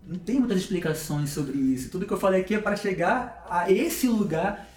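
A Brazilian man speaking as a voice coach on a podcast, calm and reflective, with a gently spiritual manner. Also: high voice, a little fast. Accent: Brazilian Portuguese. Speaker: voice coach guest. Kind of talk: podcast conversation. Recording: roomy echo, faint music behind.

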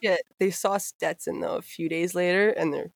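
A woman's voice: fairly low pitch, moderate pace, gravelly, dry recording, clean studio sound. A young woman hosting a podcast, telling a wild anecdote with lots of swearing and laughter. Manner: profane, laughing, animated anecdotes. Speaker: podcast host. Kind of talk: casual storytelling chat.

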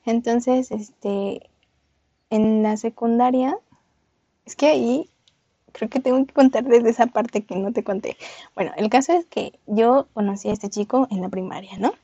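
A woman's voice: on the high side, unhurried, mellow, husky, dry recording, lo-fi sound. A young woman co-hosting a podcast, telling a personal story in casual chat, laughing often and acting out voices. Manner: laughs often, acts out voices in her anecdotes. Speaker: podcast co-host.

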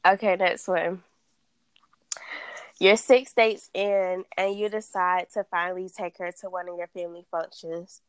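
A woman hosting a casual chat, reading dating scenarios aloud at a slow, deliberate pace and laughing often. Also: lowish voice, level tone, clear, resonant tone, no room sound. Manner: reads questions slowly, laughs often.

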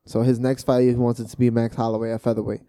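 Young man with a mellow, dry voice. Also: medium pitch, level tone, fast talker, no echo. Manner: loose, joking, trash-talking. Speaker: podcast co-host. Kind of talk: casual chat.

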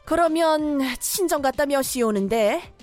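A woman's voice: sits high, lively intonation, moderate pace, a little mellow, faint music behind. A woman voicing a domineering, scolding middle-aged mother-in-law in a cartoon story drama. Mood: pressing.

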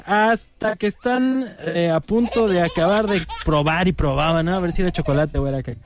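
Playful high-voiced Mexican radio host. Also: male voice, normal speed. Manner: playful, laughs at his own jokes. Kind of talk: joke-telling radio segment.

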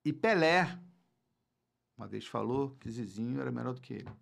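A sixty-one-year-old football club president from Rio de Janeiro reminisces informally as a guest on a podcast, repeating words for emphasis in his Rio-accented Brazilian Portuguese. His medium-pitched voice is gravelly and animated, at normal speed.

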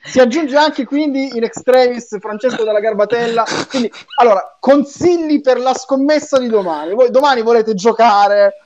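A man's voice: very high voice, normal speed, hardly any pauses, a little mellow, muffled recording, a little hiss or hum. A man hosting a casual live football chat, bantering and often repeating his phrases. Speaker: host of a football talk live stream.

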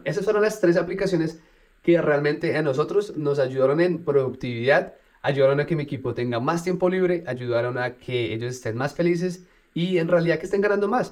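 In a somewhat dark voice, a business owner walks viewers through a casual vlog tutorial, addressing them directly. He keeps the energy up and punctuates his points with words like "boom".

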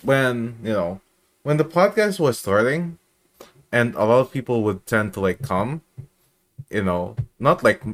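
A man hosting a casual podcast, talking loosely and filling his sentences with "you know" and "like". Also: medium pitch. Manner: slow and lively, lots of "you know" and "like". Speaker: podcast host.

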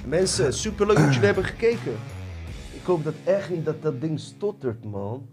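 A man hosting a casual podcast, relaxed and slangy, talking to his guest and his viewers. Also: a little high, normal speed, faint music behind. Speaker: podcast host.

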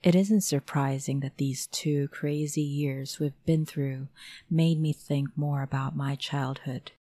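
Casting: woman, middle-aged, Filipino accent, deep and unhurried, dramatic host for spooky tales. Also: fairly even intonation, mellow, no echo, clean studio sound. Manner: measured, dramatic storytelling delivery. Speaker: storyteller host. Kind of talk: scripted spooky story narration.

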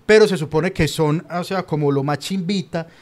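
Young colombian paisa guy ranting in a chat show, slangy, a bit higher voice. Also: normal speed, a little mellow. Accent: Colombian paisa Spanish. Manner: rambling, opinionated, slangy, does mocking accent imitations. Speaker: podcast co-host. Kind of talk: casual chat.

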